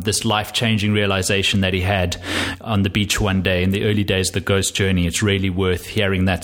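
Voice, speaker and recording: A man hosting a casual podcast interview, relaxed, with frequent ums and laughs. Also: on the low side. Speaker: podcast host. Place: poor-sounding room.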